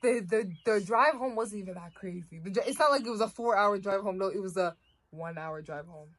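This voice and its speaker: Animated young woman telling stories. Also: mid-range voice, a little fast, no echo. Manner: animated storyteller, playful. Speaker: podcast co-host. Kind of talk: casual chat.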